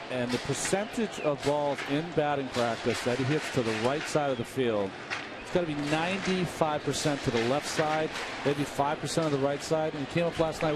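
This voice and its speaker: A man giving analytical live baseball commentary in informal, clipped phrases. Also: mid-range voice. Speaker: color commentator. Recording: loud stadium ambience behind. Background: outdoor ballpark noise.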